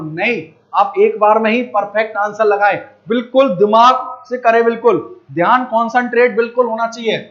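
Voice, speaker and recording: A man's voice: very high-pitched, fairly bright tone, highs cut off. A man teaching math in a live online class, coaxing students and checking again and again whether they understood. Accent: Rajasthani Hindi.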